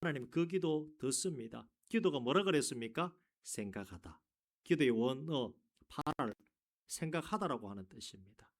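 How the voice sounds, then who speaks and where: A male pastor preaching a sermon, asking the congregation rhetorical questions and rising to loud emphasis on key words. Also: mid-range voice, animated, moderate pace.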